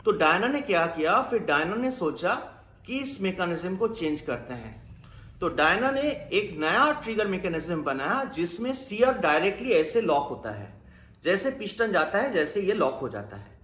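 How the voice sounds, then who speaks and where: A man's voice: sits high, sing-song, normal speed, fairly bright tone, reverberant. A man reviewing an air rifle, explaining its trigger mechanism step by step and mixing English technical terms into his talk.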